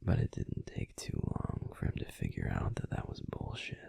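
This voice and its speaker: A man plays a grumpy yet tender werewolf boyfriend in an intimate sleep-aid audio roleplay, confiding casually in a breathy, husky, unhurried whisper. The tone is dark and the acting light, recorded dry on a close microphone.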